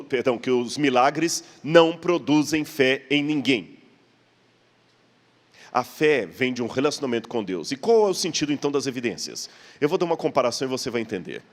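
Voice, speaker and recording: Long hall reverb fills this recording from a large church, where a Brazilian-accented preacher explains his points in a conversational manner. His medium-pitched voice is expressive and moderately paced, and he poses rhetorical questions with a slight stammer.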